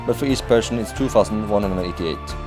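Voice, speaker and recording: Low-voiced travel vlogger with a slight cold. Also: male voice, fairly quick, over music. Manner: frank, advice-giving. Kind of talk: vlog narration.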